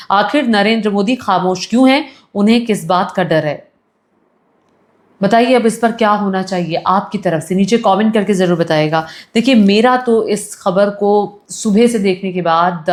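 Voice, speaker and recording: A woman news commentator delivering opinion commentary, indignant and firing rhetorical questions at the audience. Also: mid-range voice.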